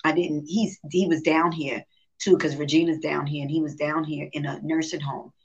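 A woman's voice: deep voice, moderate pace. A woman singer as the guest in a casual interview, telling stories, acting out quotes and laughing often. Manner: lively storyteller who acts out quotes and laughs often. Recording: dull lo-fi live stream audio.

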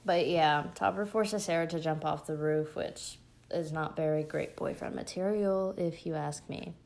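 Low-voiced young woman rambling casually. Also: steady tone, normal speed, creaky, darkish tone. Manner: rambling, many fillers, gushing asides. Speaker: show recap vlogger. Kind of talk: casual chat.

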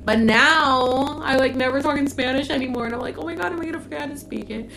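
Speaking quickly in a high-pitched, pushed and bright voice with vocal fry, a livestream host responds to viewer comments through her phone. She is a young Puerto Rican woman raised in Florida, and she talks bluntly and candidly, cursing freely and peppering her speech with "like."

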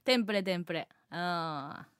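A woman with an Osaka accent hosting a live radio show, brash and joking, quick to laugh. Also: lowish voice, lively intonation, fairly bright tone, smooth, no room sound, clean studio sound. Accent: Osaka Japanese. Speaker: radio host, comedian. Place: radio studio.

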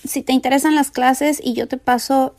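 A woman's voice: high-pitched, fairly even intonation, moderate pace, darkish tone, no room sound, studio quality. A young woman hosting a casual podcast, chatty and rambling, laughing as she talks. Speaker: podcast host, nutrition creator.

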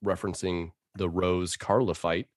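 A man's voice: sits low, level tone, moderate pace, no echo, studio quality. A man co-hosting a casual sports podcast, joking and swearing freely. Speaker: podcast co-host. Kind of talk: casual chat.

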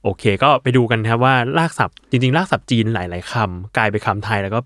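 A man hosting a casual podcast, quick to chime in with short agreements. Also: on the low side, a bit bright, no room sound. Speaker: podcast host.

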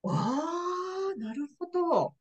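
A woman's voice: extremely high pitch, expressive, extremely slow, dull audio. A woman hosting a podcast interview in casual chat, often nodding along with short agreements and laughing. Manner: frequent nodding backchannels and laughter. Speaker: podcast host, ICU nurse.

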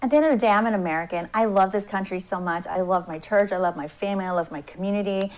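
Fast-talking woman candidate on a dull line. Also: mid-range voice, darkish tone. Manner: repetitive talking points, fast bursts. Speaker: congressional candidate, guest. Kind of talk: political interview answers. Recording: dull lo-fi remote audio.

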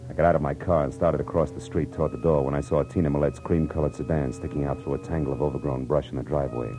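In the style of 1940s radio noir, a man with a rumbling low voice acts as a hard-boiled American private detective, tough, wry, and world-weary. As the lead and narrator, he speaks in first person with clipped, slangy delivery. The recording is a noisy vintage radio capture.

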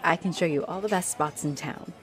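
A woman roleplays a friendly, teasing, flirty female halfling orc adventurer, speaking directly to the listener in a playful, flirty mood. Her voice is deep, brisk and fairly bright, coy and chuckling, over soft background music and a faint crowd, with noticeable noise behind her.

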